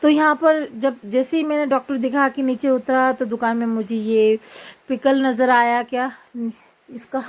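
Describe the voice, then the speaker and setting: Chatty woman vlogger, slightly high voice. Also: steady tone, normal speed. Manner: chatty, rambling with fillers and restarts. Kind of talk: casual voice-over vlog narration. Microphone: voice-over recorded after filming.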